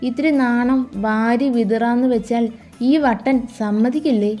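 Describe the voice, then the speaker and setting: A bashful young bride who pouts and protests softly, played by a woman narrator. The voice is fairly high and mellow, with faint music underneath. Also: fairly even intonation, measured pace, natural voice. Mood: shy, pouting. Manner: pouting, bashful. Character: shy, playful young bride.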